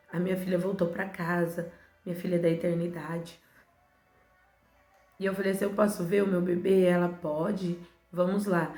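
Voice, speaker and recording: A woman missionary giving a soft, emotional faith testimony that often drops into hushed, faltering passages. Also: mid-range voice. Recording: roomy echo with faint background music.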